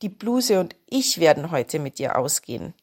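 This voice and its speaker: A woman's voice: low-pitched, very animated, moderate pace, darkish tone. A woman voicing a self-assured grey waistcoat in a wardrobe, in a storybook reading.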